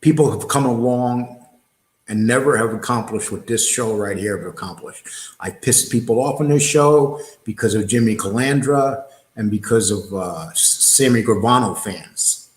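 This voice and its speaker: Bluntly and with plenty of tangents, a man runs his livestream talk show, posing rhetorical questions and going through comments from viewers. His voice is on the low side at a moderate pace, and the sound is reverberant.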